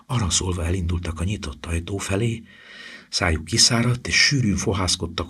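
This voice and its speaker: A man reading a fantasy story aloud as narrator, building suspense and often sinking to a hushed whisper. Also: low voice, breathy edge. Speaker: audiobook narrator. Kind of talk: scripted narration.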